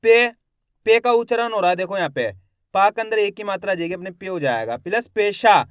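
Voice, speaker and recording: A male reading teacher who sounds out each syllable one by one, then says the whole word slowly, and asks his viewers questions that he answers himself. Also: sits high, lively intonation, clear, resonant tone, no echo, studio quality. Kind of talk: slow spelling lesson, syllable by syllable.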